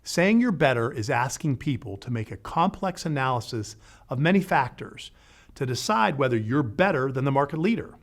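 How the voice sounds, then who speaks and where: A man hosting an educational show, narrating a script in a lively way with playful asides. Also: medium pitch, normal speed. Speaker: podcast host.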